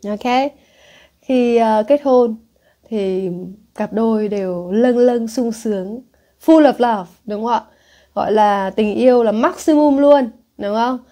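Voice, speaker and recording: Cô giáo dạy tiếng Anh, giọng trầm ấm. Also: female voice, on the high side, slow, mellow. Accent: Northern Vietnamese. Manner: checks in with students constantly, asking if they follow; reads English words aloud then explains them. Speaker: English teacher. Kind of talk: exam-prep lesson.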